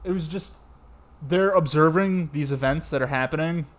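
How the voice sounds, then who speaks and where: Man, fairly high voice, casual podcast chat, laughs often, agreeable. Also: moderate pace. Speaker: podcast co-host reviewing a movie.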